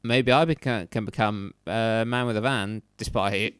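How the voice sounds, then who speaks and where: A man's voice: lowish voice, normal speed, clean tone, dry recording. A man co-hosting a podcast from home, chatting casually with dry, joking banter. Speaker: podcast co-host. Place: home, in Edinburgh.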